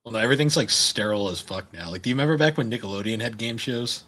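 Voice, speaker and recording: A man's voice: medium pitch, animated, racing, fairly bright tone. A man co-hosting a podcast in casual chat, wry and blunt. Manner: wry, blunt, laughs at his own jokes. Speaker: podcast co-host.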